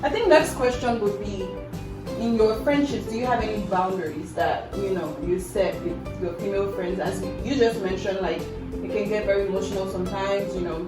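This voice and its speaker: A woman hosting a casual group interview, lively and teasing as she asks questions. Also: medium pitch, normal speed. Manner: lively, teasing, laughs often. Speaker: host. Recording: roomy, far from mic, background music.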